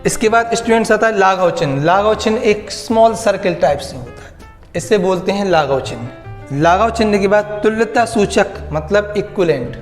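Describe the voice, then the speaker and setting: A man explains a grammar lesson and keeps repeating key words back to his students as questions. His voice sits high, and it rings in a roomy, echoing space with faint music behind it. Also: lively intonation, moderate pace. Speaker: teacher. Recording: echoey room with faint music.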